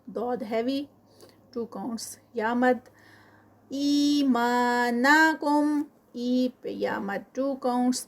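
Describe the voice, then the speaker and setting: A woman teaching a tajweed lesson. She recites verses slowly and drawn out, then explains the rules quickly. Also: fairly high pitch, a little mellow.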